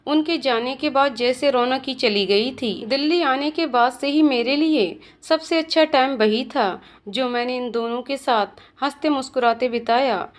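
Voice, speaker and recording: A woman's voice: high voice, measured pace, hardly any pauses. A young woman narrating an emotional first-person story expressively, giving voice to each character herself. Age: young adult. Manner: expressive, playing every role herself.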